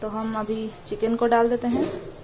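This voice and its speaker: A woman's voice: on the high side, flat delivery, measured pace, very noisy. A woman hosting a cooking channel, explaining each step of a recipe to viewers from her home kitchen. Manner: explains steps plainly, addresses viewers directly.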